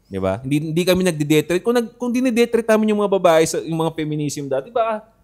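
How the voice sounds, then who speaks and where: A man co-hosting a podcast in casual talk. He argues his case with a somewhat high voice and keeps checking with his co-hosts for agreement. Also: big pitch swings, fast, a little mellow. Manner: argumentative, repeats "di ba?" often. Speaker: podcast co-host.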